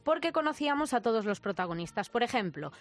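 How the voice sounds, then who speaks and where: Presentadora española de voz algo aguda. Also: female voice, on the high side, sing-song, fast talker. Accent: Spain. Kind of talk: semi-scripted radio-style feature.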